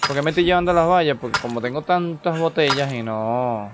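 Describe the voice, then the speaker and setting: A man's voice: a little high, fairly quick, noisy background. A man hosting a gaming channel, giving casual gameplay commentary and thinking aloud as he plays. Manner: rambling, thinks aloud while playing. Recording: game music playing behind the voice. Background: game music.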